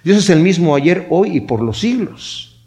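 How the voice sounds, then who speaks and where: A pastor in full sermon mode, speaking with a somewhat high male voice. He preaches conversationally, tossing in rhetorical questions and restarting phrases. His delivery rises and drops sharply in pitch and volume. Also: measured pace. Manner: conversational preaching, frequent "¿verdad?" asides and repetitions; animated, with wide swings in pitch and loudness.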